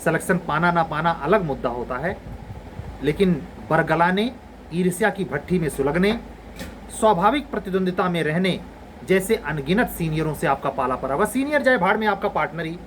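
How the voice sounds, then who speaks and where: A man's voice: on the high side, lively intonation, brisk, a bit bright, slight background noise, poor audio. A man in his forties, an exam coaching teacher, giving students a blunt, exasperated scolding lecture.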